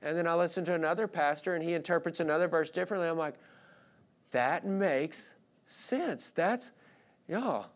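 A pastor in his late 30s preaches an expository sermon at normal speed in a slightly high voice. His style is informal and self-deprecating, and he poses rhetorical questions to listeners.

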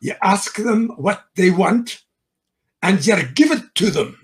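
A man's voice: sits high, expressive, slow pace, breathy edge, voice pushed up, full character voice. A man putting on a cranky old Scottish sales manager. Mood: instructive.

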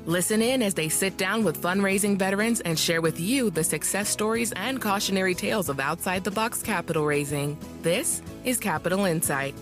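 A woman's voice: mid-range voice, normal speed, hardly any pauses. A woman reading a podcast's scripted intro in a polished, promotional way. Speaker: podcast announcer. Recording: intro voice-over with music underneath. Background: music.

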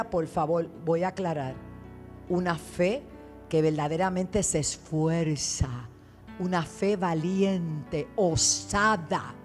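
A woman preaches as a guest preacher, retelling scripture dramatically and dropping into low asides.

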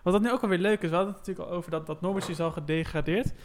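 A man co-hosting a casual football podcast, talking in a brisk, chatty and jokey way. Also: high-pitched. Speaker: podcast co-host.

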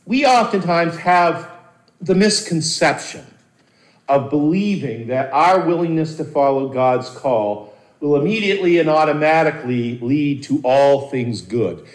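A man preaching a sermon as a pastor, earnest and animated, with dramatic pauses and repeated words. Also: fairly high pitch. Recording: roomy echo.

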